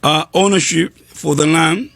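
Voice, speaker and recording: A man who is a pastor interviews a guest in halting, broken English. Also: a little high, fairly even intonation, creaky, fairly bright tone, no room sound. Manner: halting non-native English, broken grammar.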